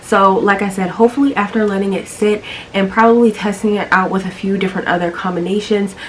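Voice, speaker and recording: A woman's voice: medium pitch, steady tone, quick pace, slight background noise, poor audio. A young woman with a sick voice, chatting casually to camera as she reviews a fragrance and talks straight to her viewers. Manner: chatty, addresses viewers directly with slang. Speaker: beauty and fragrance YouTuber.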